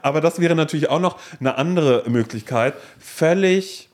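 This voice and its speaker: A man's voice: on the high side, normal speed. A man co-hosting a casual podcast chat, telling stories animatedly and acting out quoted dialogue. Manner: animated storyteller who acts out quoted dialogue. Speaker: podcast co-host.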